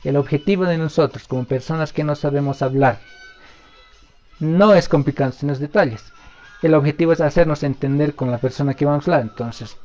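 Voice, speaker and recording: A man with a fairly high voice teaches during a live online session, answering viewers' questions patiently. He stretches example words out slowly and pauses often to think. The audio is dull and lo-fi, with faint music underneath. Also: darkish tone. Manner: explains patiently, drawn-out example words, many filler pauses. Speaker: language teacher.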